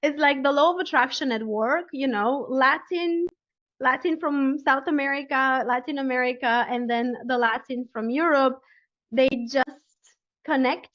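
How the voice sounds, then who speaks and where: A woman with a Romanian accent, speaking as a podcast guest in an earnest, gently emphatic way. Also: high-pitched, unhurried. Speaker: guest, spiritual life coach. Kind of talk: casual interview chat. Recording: dull lo-fi audio.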